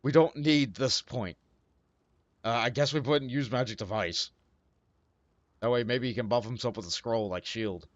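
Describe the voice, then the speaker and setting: A man's voice: medium pitch, normal speed, pauses often, dry recording, lo-fi sound. A man hosting a let's play, thinking aloud in casual game commentary, full of fillers.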